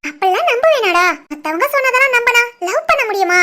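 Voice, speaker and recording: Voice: very high-pitched, very animated, fast talker, bright, forceful tone, exaggerated voice. A voice artist playing a playful young college woman in love, in a cartoon, with a southern Tamil Nadu dialect. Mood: affectionate teasing. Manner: playful, teasing, affectionate. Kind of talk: cartoon voice acting.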